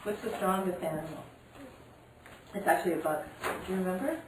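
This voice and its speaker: A woman's voice: on the low side, brisk. A woman reading a picture book to a toddler, asking simple questions and repeating the child's words back. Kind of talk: informal read-aloud with a young child. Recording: roomy, distant mic, clearly noisy.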